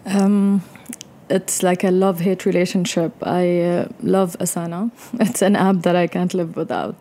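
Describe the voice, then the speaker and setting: A woman in a casual studio interview as a guest, explaining things in a halting, chuckly way. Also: on the low side, flat delivery, warm tone. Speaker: interview guest, company co-founder. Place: small broadcast studio.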